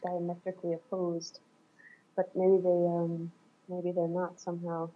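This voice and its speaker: A woman's voice: on the low side, monotone, a little slow, phone-quality sound, slight background noise. A woman on a reflective coaching call, talking thoughtfully and searching for words, laughing often. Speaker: coaching client.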